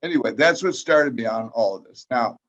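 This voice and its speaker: A man's voice: medium pitch, expressive, brisk, a bit bright. Rambling man on a muffled video call. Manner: folksy, rambling, anecdotal. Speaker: conference speaker. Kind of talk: conference talk over video call.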